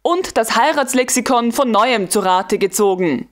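A man's voice: very high voice, moderate pace. A woman reading a smug, carefree lieutenant. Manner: calm, self-satisfied, teasing. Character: smug, carefree young male guard lieutenant. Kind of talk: audiobook dialogue.

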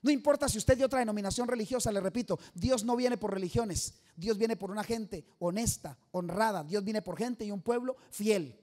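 Guy with a super high voice preaching to a church crowd, keeps asking them to answer back. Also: a little fast, few pauses, darkish tone. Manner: emphatic, quizzes the congregation and calls for answers. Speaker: evangelist preacher. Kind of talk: evangelistic sermon to a congregation. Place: church service before a live audience.

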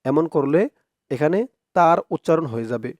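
A man teaching Quran recitation word by word, stretching out the recited syllables and then explaining quickly in a softer voice. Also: on the high side, lively intonation, dry recording, studio quality. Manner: slow, drawn-out recitation alternating with quick spoken explanation.

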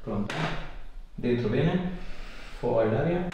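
In a small clinic treatment room, a male chiropractor gives a patient short, reassuring instructions during hands-on treatment, his mid-range voice animated but slow. A camera a few steps away picks him up, so the sound is echoey and distant, with background noise and the highs cut off.

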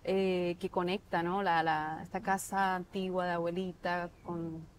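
Her voice is lowish, with a level tone and measured pace, and there's slight background noise. She's a woman chef from Puerto Rico in her thirties with a Puerto Rican Spanish accent, giving thoughtful interview answers full of restarts and fillers, captured on a lapel mic out on a patio.

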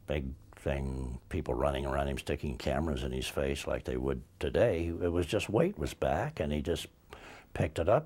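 A man's voice: extremely low pitch, darkish tone. A man being interviewed for a documentary, telling a story in an emphatic, conversational way.

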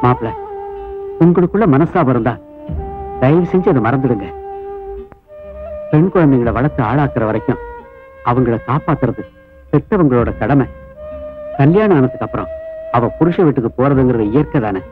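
A man's voice: mid-range voice, lively intonation, moderate pace, pauses often, natural voice. An older man playing a devoted father who entrusts his daughter to her new family, speaking in a solemn, pleading way. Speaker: bride's father. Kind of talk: dubbed film drama. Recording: tinny phone-like dub over loud film music.

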